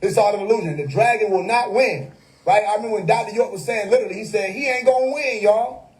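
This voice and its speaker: A man's voice: high-pitched, fast talker, darkish tone, rough recording. A man, hosting a casual livestream monologue that preaches hidden meanings with wordplay and frequent laughter. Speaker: livestream host. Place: home.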